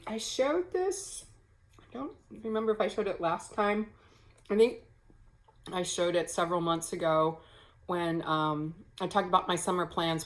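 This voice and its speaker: Woman, lower-pitched voice, casual home crafting vlog, rambling, lots of ums. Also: poor audio. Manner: rambling, many ums and self-corrections. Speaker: cross-stitch vlogger. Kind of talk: casual chat to camera. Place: home, early morning.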